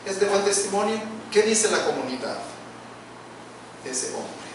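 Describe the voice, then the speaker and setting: A man's voice: high voice, animated, unhurried. A middle-aged male pastor preaching a sermon in a church, asking rhetorical questions and swelling in volume. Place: church sanctuary. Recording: echoey church hall, distant mic, noisy.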